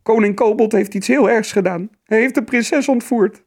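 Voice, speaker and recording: A man's voice: high-pitched, fairly quick, darkish tone, slightly rough, pitched above the performer's own voice. A man voicing an anxious young male troll child who pleads in a frightened, breathless way.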